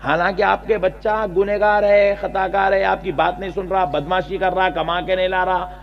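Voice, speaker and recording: Gravelly-voiced male preacher, storytelling sermon, dull lo-fi recording with hum. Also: high voice, little pitch movement. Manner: dramatic, acts out dialogue, rises to loud emphatic peaks.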